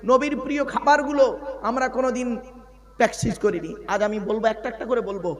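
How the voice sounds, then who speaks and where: A man preaching a sermon, animated, calling out questions to the crowd and chanting drawn-out phrases. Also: extremely high pitch. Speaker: Islamic preacher. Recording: long hall reverb.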